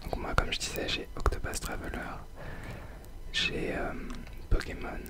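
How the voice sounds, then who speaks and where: A man whispers softly, very close to the ear, as he gives ASMR gameplay commentary. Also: a little slow. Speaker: host of an ASMR gaming video.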